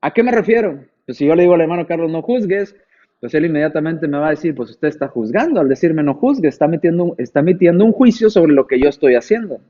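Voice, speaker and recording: A man with a high-pitched voice preaches a sermon in a conversational way. He asks rhetorical questions and acts out the replies of imagined listeners. The recording sounds dull and lo-fi. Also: expressive, quick pace, dark tone.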